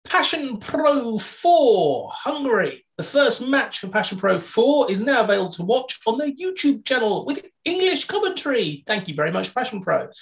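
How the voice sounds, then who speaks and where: Woman, podcast co-host, brisk match listings, dry jokes. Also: on the high side, big pitch swings, creaky. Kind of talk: casual news roundup.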